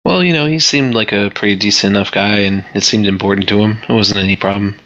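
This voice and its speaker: A man's voice: on the low side, quick pace, a bit bright, dull audio. A man chatting casually as a player in a tabletop game.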